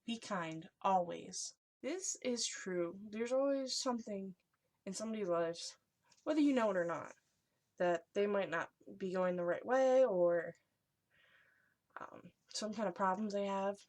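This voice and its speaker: Young woman vlogger in a hushed, whispery voice. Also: medium pitch, animated, unhurried. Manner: hushed, whispery delivery, as if sharing secrets. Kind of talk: casual chat, reading and reacting to short messages.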